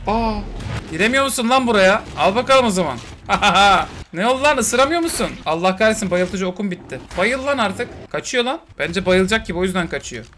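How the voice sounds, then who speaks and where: A young man, commentating a survival game in a lively, excitable way, swearing and yelling at the creatures. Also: high voice, brisk, a little hiss or hum. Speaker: gaming streamer. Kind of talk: let's play commentary.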